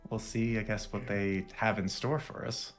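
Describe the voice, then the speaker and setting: Low-voiced teasing male player. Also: flat delivery, normal speed, faint music behind. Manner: teasing, joking. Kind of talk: playing a tabletop game, in and out of character.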